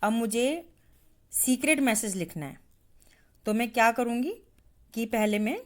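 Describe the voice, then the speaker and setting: A woman's voice: a little high, measured pace. A woman teacher giving a patient, step-by-step science lesson to schoolchildren, spelling letters aloud as she demonstrates. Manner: patient, addresses pupils as "beta".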